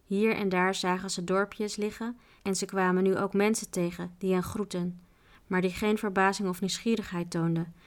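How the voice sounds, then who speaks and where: A woman reading a children's novel aloud, with calm, even narration. Her voice sits at a middle pitch for a woman, and her pace is steady and unhurried. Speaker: storyteller reading a book aloud.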